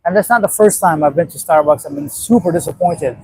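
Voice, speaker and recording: Speaking fast in a slightly rough, darkish voice on the high side, an Afghan livestream host in his late thirties bluntly rambles through viewer comments in casual chat. The audio is dry and poor.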